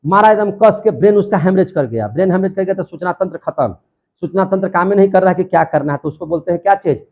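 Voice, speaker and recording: A man teaching a classroom lecture, lively and repeating his questions so the class answers back. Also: high-pitched, fast.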